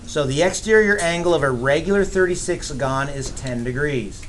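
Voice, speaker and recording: A man's voice: on the high side, normal speed, a little hiss or hum. A man teaching geometry to a class, upbeat and teasing with his students, in a classroom. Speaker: math teacher. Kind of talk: classroom lecture.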